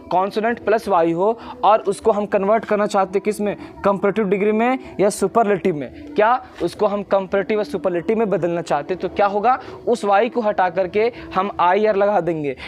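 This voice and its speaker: Male teacher, high-pitched, quizzes students with repeated questions while drilling a rule. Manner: drills by repetition. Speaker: grammar teacher. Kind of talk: classroom lecture.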